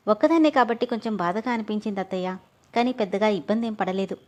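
A woman's voice: mid-range voice, fast talker, a little mellow, lightly acted. A woman voicing an emotional young pregnant wife in a read-aloud story. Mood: earnest. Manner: pleading, tearful.

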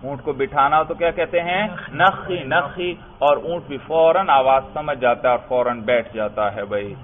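In a classroom lecture on Arabic grammar, a Pakistani man with a medium-pitched voice keeps posing questions to the class and answering them himself, addressing listeners as brother. The recording sounds tinny, like a phone.

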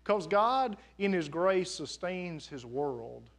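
A man's voice: high-pitched, expressive, slow. A man pastor preaching a live sermon in a church, in an earnest, conversational way with folksy asides. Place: church sanctuary.

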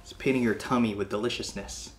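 A man's voice: on the low side, steady tone, quick pace, background noise. Playful, giggly man tasting snacks. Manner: playful, laughs often, jokey. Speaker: snack taste-test co-host. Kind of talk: casual chat.

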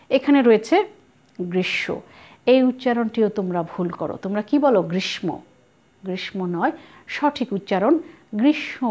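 A teacher with a medium-pitched, slightly mellow voice patiently explains pronunciation rules and asks her students questions. The recording is lo-fi and muffled.

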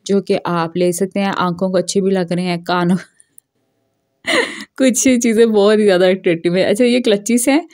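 A woman's voice: mid-range voice, fairly even intonation, normal speed, darkish tone, no room sound, studio quality. Chatty woman vlogging in a mall. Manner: chatty, jokey, laughs often between remarks. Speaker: shopping vlogger. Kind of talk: casual walk-through vlog. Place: indoor shopping mall, walking through aisles.

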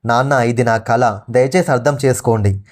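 A man's voice: medium pitch, moderate pace, lightly acted. A man voicing a determined young village woman who pleads earnestly, in a storybook reading. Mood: earnest pleading.

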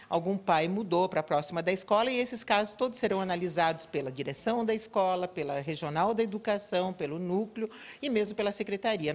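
A woman in her sixties, an education official, methodically explaining procedures in an office interview into a reporter's microphone. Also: mid-range voice. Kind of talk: news interview answers. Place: indoor office. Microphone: reporter's handheld mic.

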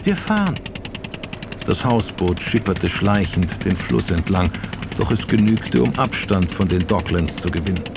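A man with a low voice reads an audiobook in measured, dramatic narration. A faint hiss sits behind him. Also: gravelly. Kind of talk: scripted narration.

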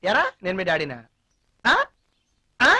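A man's voice: sits high, very animated, slow pace, sharp tone, heavily acted. A man playing a flirty, flustered comic bachelor in film dialogue. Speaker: comic character.

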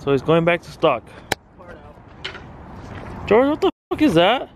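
A man's voice: sits high, sing-song, measured pace. Joking young man vlogging outdoors. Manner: joking, slangy, calls himself "your boy". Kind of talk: casual vlog chat. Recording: outdoor street noise.

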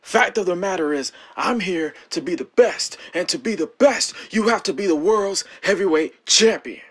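A man's voice: high voice, lively intonation, normal speed, a bit bright, slightly rough, voice pushed down, full character voice. A man playing an arrogant, profane male wrestler cutting a sneering promo in a cocky, trash-talking manner. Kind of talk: wrestling promo role-play.

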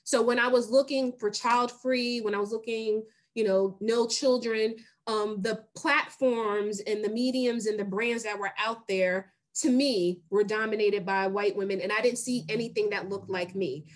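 A woman in her late forties, a guest on a video call, talking in an animated, emphatic way and laughing easily. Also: mid-range voice, moderate pace, hardly any pauses. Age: 40s. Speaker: guest, brand founder. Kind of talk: casual video-call conversation. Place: home room.

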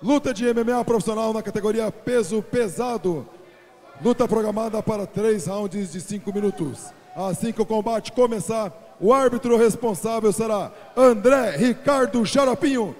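A man with a Brazilian accent giving a booming, formal stage introduction as a fight announcer, drawing out shouted names. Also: moderate pace. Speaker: cage-side ring announcer. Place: fight cage in a large venue. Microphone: handheld microphone. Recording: echoey PA in a hall.

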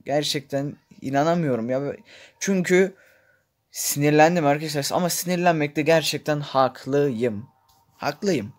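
A man giving gameplay commentary, exasperated and complaining, swinging between tired muttering and loud outbursts. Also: a little high, unhurried. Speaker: gaming YouTuber.

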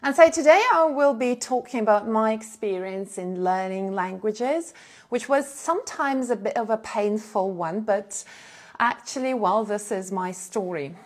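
A Russian-speaking woman, whose first language is Russian, hosts a live stream and tells her own story casually and animatedly, gesturing a lot and using frequent fillers and short laughs. Her voice is medium-pitched and unhurried, recorded with a small clip-on lapel mic in an indoor room before a plain blue backdrop.

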